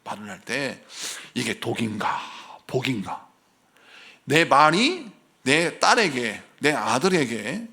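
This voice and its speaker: A male senior pastor giving a Sunday morning sermon in a church, animated and acting out the voices he quotes. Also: high-pitched. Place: church sanctuary.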